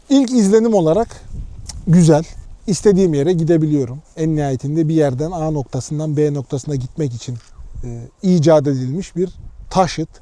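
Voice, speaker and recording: A man's voice: on the high side, warm tone, no room sound. A man chatting casually as a motorcycle vlogger, informal and unpolished, thinking aloud as he goes. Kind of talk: casual motovlog chat.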